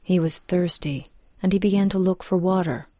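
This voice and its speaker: Female story reader, lowish, soft dark tone, measured literary narration, slight background noise. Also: fairly even intonation.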